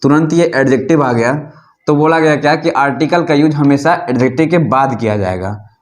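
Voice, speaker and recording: A man teaching an English grammar lesson, explaining rules slowly and repeatedly while asking his students questions. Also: medium pitch, echoey room.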